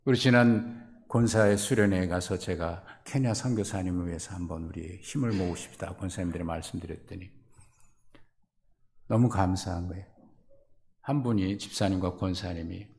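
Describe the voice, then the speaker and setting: A middle-aged male pastor preaching a sermon, acting out imagined quotes in sudden loud, high bursts. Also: steady tone, moderate pace.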